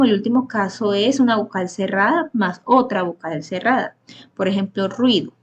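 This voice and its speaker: Woman explaining a lesson step by step. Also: medium pitch. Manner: explains step by step, with hesitant fillers and self-corrections. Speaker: student presenter.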